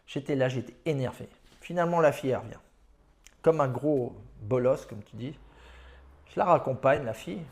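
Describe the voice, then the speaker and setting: A man's voice: mid-range voice, normal speed, a little mellow. A man giving dating advice in a casual monologue, telling his own stories in a boastful, slangy and emphatic way.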